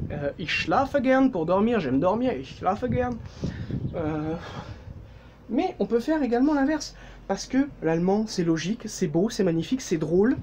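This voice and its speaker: A man's voice: sits high, noisy background. A man with a French accent giving a casual, jokey language lesson, full of fillers and self-corrections. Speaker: German teacher.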